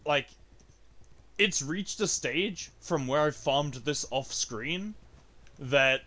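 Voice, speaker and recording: Speaking slowly with lively intonation and a sharp tone, this game streamer chats with his viewers as he plays. He swears freely and lets out high yelps at anything good or annoying.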